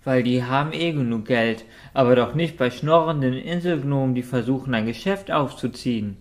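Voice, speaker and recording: A man's voice: medium pitch, moderate pace, natural voice. A man voicing a polite, quacking winged island gnome in a storybook reading.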